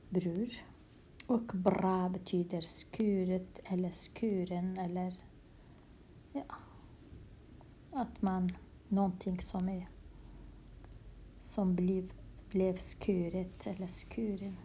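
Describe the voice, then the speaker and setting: With a low, soft-spoken voice, a woman language teacher explains Kurdish handwriting in Swedish. She takes it slowly and patiently, repeating words and often falling to a whisper; the recording carries a slight hiss or hum.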